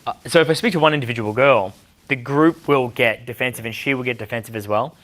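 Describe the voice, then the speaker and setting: This dating coach is a young man whose fast, blunt speech sits at an ordinary mid pitch with a bright, forward quality. Fielding questions at his seminar, he curses liberally and frequently role-plays bar exchanges.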